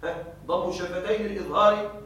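A man with a fairly high voice leads a classroom lesson, often asking the students a question and answering it himself and checking that they are following. He draws out the words he wants to stress. He is recorded from a distance in a very echoey room. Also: fairly even intonation, a bit bright, a little hiss or hum. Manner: slows down to drawl out words he is stressing. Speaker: teacher. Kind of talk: classroom lecture with student replies.

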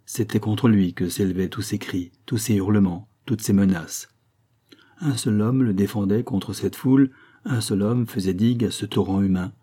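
A man reading a classic novel aloud in a dramatic, measured narration. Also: fairly low pitch, mellow, husky. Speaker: audiobook reader.

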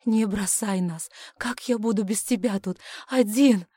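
A woman's voice: mid-range voice, fairly even intonation, moderate pace, darkish tone, dry recording, studio quality, close to an everyday voice. A woman voicing a frantic loving husband. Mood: pleading. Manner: frantic, cracking with alarm. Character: grown man, desperate loving husband.

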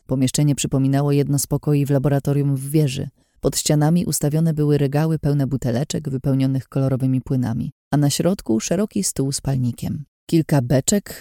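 A woman narrating a first-person fantasy audiobook in a measured, calm reading, on a close studio mic. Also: sits low, dry recording.

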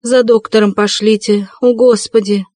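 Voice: mid-range voice, fairly even intonation, moderate pace, a little mellow, dry recording, voice pushed up, close to an everyday voice. A reader voicing a desperate young woman, urgent and pleading, in an audiobook reading.

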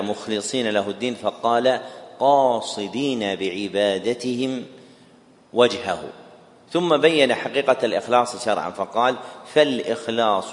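A man teaching a class, explaining a text, repeating key phrases and quizzing his listeners. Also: medium pitch. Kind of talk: classroom lecture. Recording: echoey hall with long reverb.

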